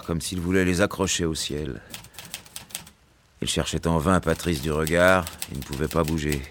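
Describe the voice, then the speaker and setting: A man's voice: low voice, slight background noise. An actor playing a novelist who narrates his adventure tale in literary style for a radio drama.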